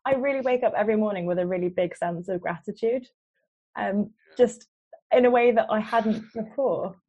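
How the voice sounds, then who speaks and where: A woman's voice: mid-range voice, normal speed, breathy edge, dull audio. A woman on a podcast panel speaking earnestly and a little self-consciously from home. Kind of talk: casual podcast chat. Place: home in the countryside, remote call.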